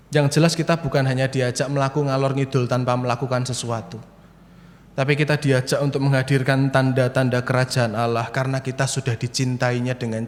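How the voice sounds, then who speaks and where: A young male preacher giving a sermon, chatty and storytelling, talking to the congregation at home. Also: mid-range voice. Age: young adult. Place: church, streamed to people at home. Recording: reverberant church hall.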